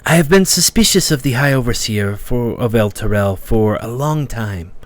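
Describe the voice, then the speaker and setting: A man voicing a middle-aged tiefling woman wizard in a tabletop game, composed and suspicious, speaking formally and with measured words. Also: medium pitch, lively intonation, dry recording, natural voice. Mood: grave, suspicious. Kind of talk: in-character tabletop role-play.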